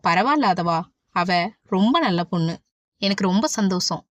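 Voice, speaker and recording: A man's voice: high-pitched, animated, moderate pace, fairly bright tone, no echo. A woman voicing a stern, stubborn middle-aged father who speaks firmly. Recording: dull, dry audiobook recording.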